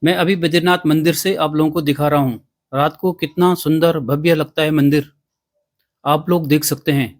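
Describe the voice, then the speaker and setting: Slightly high-voiced man narrating a travel vlog. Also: steady tone, moderate pace.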